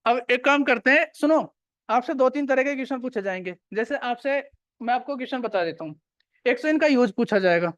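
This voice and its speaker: A man's voice: very high-pitched, expressive, fairly quick, a bit bright, no echo, lo-fi sound. A male teacher giving a classroom grammar lecture, repeating key points and quizzing his students.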